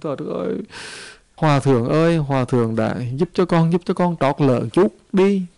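A man's voice: medium pitch, fairly quick, gravelly, mellow, close to an everyday voice. A man voicing a destitute young pregnant woman who begs tearfully for help, within a spoken dharma story. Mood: pleading. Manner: tearful begging.

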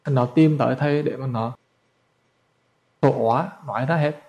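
A man's voice: mid-range voice, normal speed, a little mellow, muffled recording. A man, a Buddhist monk telling a story as a sermon in a colloquial, chatty way. He stumbles over repeated words and speaks straight to his listeners.

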